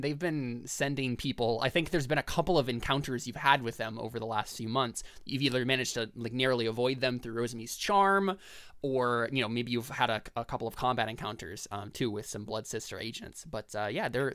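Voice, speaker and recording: A man's voice: medium pitch, a little fast, sharp tone, no room sound. A man acts as game master for a tabletop game. He talks in a mid-range voice with very little room sound, moving between narration and conversational explanation of the rules.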